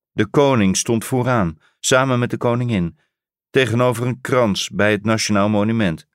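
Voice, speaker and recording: A man reading a story aloud as narrator, in a measured, solemn, dramatic way. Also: on the low side, no echo, studio quality. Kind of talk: scripted audiobook narration.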